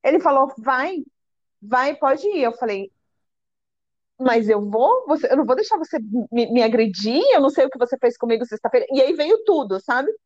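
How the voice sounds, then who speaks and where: A woman's voice: sits high, big pitch swings, normal speed, a little mellow, no echo. A Brazilian woman, an interview guest, telling a personal story with many restarts and acted-out quotes. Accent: Brazilian Portuguese. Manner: breathless, restarts sentences, acts out quoted dialogue. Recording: dull lo-fi sound.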